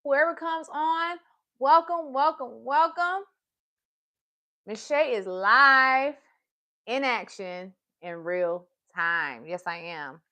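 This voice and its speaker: Speaking slowly in a high voice, a woman runs a live children's story time, full of excitement and encouragement. She repeats phrases a lot and addresses the kids as friends.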